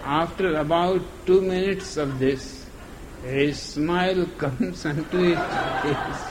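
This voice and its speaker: Slow-talking man telling a joke. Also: fairly high pitch, a faint crowd. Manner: slow, laughing through the telling. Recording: noisy background ambience.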